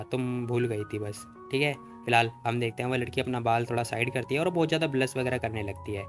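A man narrating a comic story recap in a chatty, filler-heavy way. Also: medium pitch.

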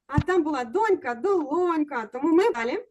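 Woman teacher, high voice, encouraging, online exam-prep lesson, video call. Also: expressive, moderate pace, darkish tone. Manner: encouraging, coaxing students to answer.

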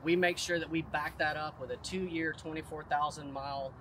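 A man's voice: fairly high pitch, fairly even intonation, moderate pace, bright, forceful tone, a little hiss or hum, low-quality recording. A man in his thirties explaining product features outdoors in a confident, detailed sales manner. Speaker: manufacturer representative. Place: outdoors at a vehicle lot.

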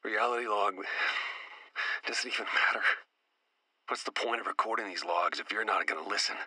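An actor playing a harried, wisecracking secret agent in a dramatic video game trailer, with a wry, sarcastic manner. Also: male voice, lowish voice, normal speed, sharp tone, slightly rough, heavily acted. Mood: frustrated, bitter.

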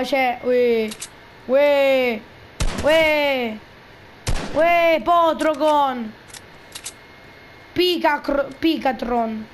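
Woman, high-pitched, unhurried gameplay commentary; jokey, rambling, bursts of trash talk. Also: a little hiss or hum. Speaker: gaming video creator.

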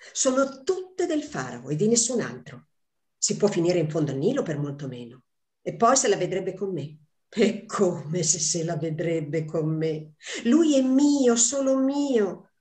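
A woman's voice: fairly low pitch, a little mellow, roomy sound. Woman reading as a bitter, jealous royal lady. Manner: bitter, possessive, drawn-out phrasing. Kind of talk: literary reading.

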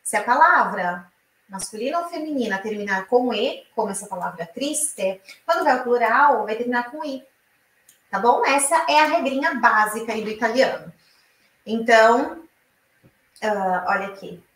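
A woman from Brazil teaching an online Italian lesson, explaining slowly and repeating each example aloud. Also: a little high, animated, a bit bright, reverberant, recorded from a distance, rough recording.

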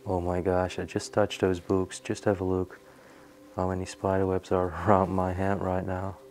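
Young male explorer, deep monotone narration, camera mic indoors. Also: moderate pace, a little hiss or hum. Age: young adult. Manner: hushed, curious commentary while touching old objects. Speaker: urban explorer. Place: indoors in an abandoned house.

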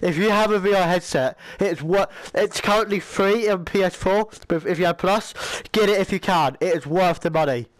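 A man commentating his VR game play, excitable and swearing, shouting at the game. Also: sits high, moderate pace, hardly any pauses, dry recording. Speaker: gamer.

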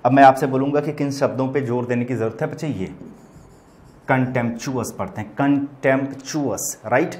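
A man's voice: medium pitch, a little fast, darkish tone. Indian man teaching vocabulary patiently. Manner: explains patiently, addresses students as children, spells words letter by letter. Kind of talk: online exam-prep lesson.

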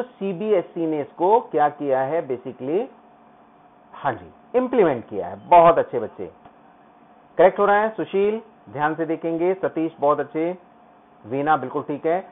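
A male teacher running a live online exam-prep class. He reads English quiz questions out slowly, explains them in Hindi, and praises students by name. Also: on the high side. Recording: tinny phone-like online stream.

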